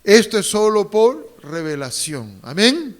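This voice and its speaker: In church, a pastor with a high voice and big pitch swings preaches at a slow pace. His sermon is fervent, with the congregation repeating phrases after him and joking asides scattered throughout.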